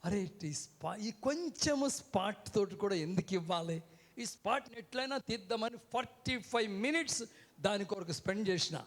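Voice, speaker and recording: This guest preacher speaks at a moderate pace in a high, expressive voice. Preaching from the church stage, he leads the congregation in repeating words back and keeps calling out "hello" to them.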